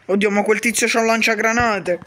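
High, bright-voiced man doing comedy. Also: fairly even intonation. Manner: quick bickering, swearing, shouty outbursts. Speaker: YouTuber voicing all characters. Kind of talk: comedic game role-play.

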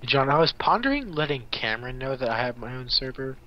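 A man's voice: mid-range voice, sing-song, fast, dull audio. A young man casually commenting on a block-building game while teasing his friend. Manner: teasing, playful banter. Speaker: gaming co-host.

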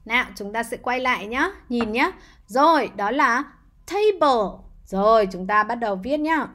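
This is a slow, patient spelling lesson for young children, led by a woman whose voice is a little high and a bit bright, with lively intonation. She takes her time, spelling every English word letter by letter and encouraging the children to echo her.

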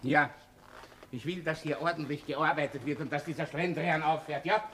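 An actor playing an older Austrian police chief in a TV crime drama, reprimanding and giving orders in a berserk rage. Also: male voice, a little high, steady tone, normal speed, a bit bright, lightly acted. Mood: furious. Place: office set. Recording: noisy old television soundtrack.

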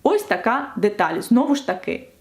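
A woman's voice: a little high, big pitch swings, normal speed. A woman teacher explaining French grammar in a video lesson, stressing each example.

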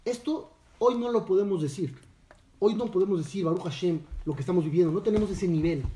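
A rabbi teaches a Torah lesson, telling the tale and checking in with his listeners through questions. His voice sits high but mellow. He is heard from a distance in an echoey room. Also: a little fast. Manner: storytelling, asks listeners questions.

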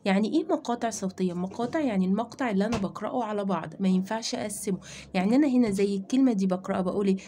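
A woman with an Egyptian Arabic accent teaching a children's reading lesson. She explains step by step, asks and answers her own questions, and sounds out letters slowly. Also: medium pitch, warm tone, slight background noise.

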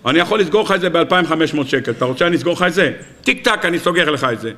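A man voicing a smooth-talking male street hustler who pushes a quick deal in a fast, wheedling pitch. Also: lively intonation, bright, forceful tone.

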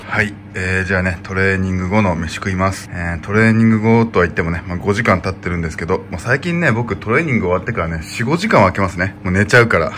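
A young man in his twenties, a bodybuilding vlogger at home, rambling casually about his day with a relaxed, self-mocking air. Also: deep voice, fast talker, few pauses, slight background noise. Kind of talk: casual daily vlog talk.

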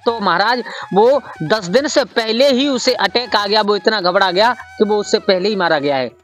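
A man's voice: sits high, moderate pace, a bit bright. A man telling a folk tale in a homely way, calling his listeners brother. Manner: folksy, addresses listeners as brother. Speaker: storyteller. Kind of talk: folk storytelling.

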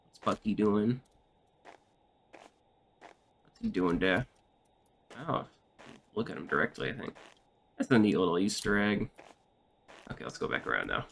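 A chatty man talks through a horror game, his voice bright and forceful with a lowish pitch. He rambles casually and breaks into loud, excited reactions when something happens. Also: creaky, slight background noise. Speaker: gaming video host. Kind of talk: casual gameplay commentary.

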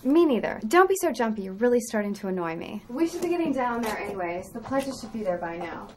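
An actress playing a young sorority head who gives impatient, commanding orders. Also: female voice, on the high side, very animated, quick pace, darkish tone. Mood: irritated. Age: young adult. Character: bossy young woman, snappish sorority head.

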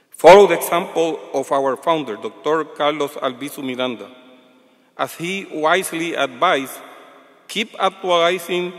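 An older man giving a formal commencement address as board chair, reading from notes at a podium. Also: fairly high pitch. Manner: measured, reads from notes at podium. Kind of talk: formal prepared speech. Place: large auditorium stage. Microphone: podium microphone. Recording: long hall reverb.

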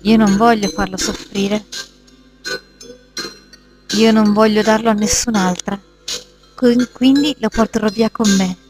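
A woman playing a jealous, possessive mother spirit who speaks low, slow and cold. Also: steady tone, music in the background, close to an everyday voice.

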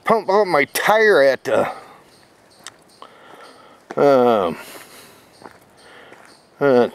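A middle-aged man vlogging in a casual ramble with many fillers, walking a wooded trail and filming himself on a handheld camera. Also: fairly high pitch. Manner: rambling, lots of fillers and restarts; walking while talking. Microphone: phone camera held at arm's length.

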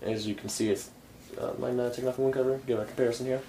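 A man's voice: mid-range voice, fairly even intonation, fast, warm tone. A young man giving an informal, enthusiastic product review as casual chat, picked up by a camera a few feet away indoors. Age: young adult. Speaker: hookah reviewer. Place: garage workshop, indoors. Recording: faint background room noise.

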